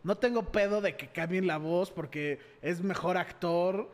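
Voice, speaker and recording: Mexican guy co-host, high voice, joking and arguing, echoey hall sound. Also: measured pace. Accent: Mexican Spanish. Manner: slangy, joking, argumentative. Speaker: podcast co-host. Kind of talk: casual chat among friends.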